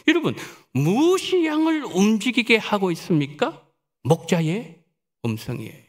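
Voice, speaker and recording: A male pastor delivers a sermon in a high, gravelly voice. His delivery is emphatic and animated, swinging widely in pitch as he calls out to the congregation. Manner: emphatic preaching with sudden surges and drops, addressing the congregation.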